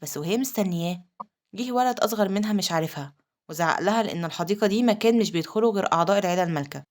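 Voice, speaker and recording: A woman with an Egyptian Arabic accent narrating a manhwa recap, telling the story quickly and reading quoted lines plainly. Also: medium pitch, darkish tone.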